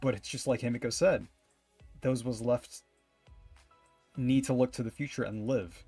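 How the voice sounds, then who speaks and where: A man's voice: mid-range voice, fairly even intonation, normal speed, warm tone, slightly rough. A young man streaming a game, reading its dialogue aloud and adding wry, casual asides with the odd swear word. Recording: faint game music behind.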